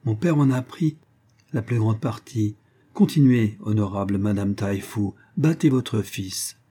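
A man's voice: fairly low pitch, measured pace, warm tone, husky. A man voicing a serene forty-year-old woman. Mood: calm assurance. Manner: composed, sententious. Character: self-assured woman of forty, calm and teasing.

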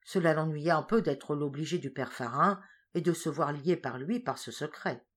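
A woman reading a story aloud as narrator, slow and measured in the descriptive passages. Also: sits low.

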